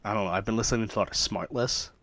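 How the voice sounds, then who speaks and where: Rambling, jokey man with a low voice. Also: rapid-fire, creaky, fairly bright tone, no room sound. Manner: rambling, jokey, lots of fillers. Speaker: podcast host. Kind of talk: casual chatty podcast intro. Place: his trailer behind an amusement park.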